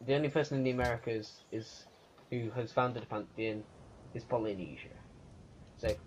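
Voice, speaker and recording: A man giving unscripted commentary on a strategy game, thinking aloud in a halting way. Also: mid-range voice, darkish tone, slight background noise. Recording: muffled lo-fi recording with music. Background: music.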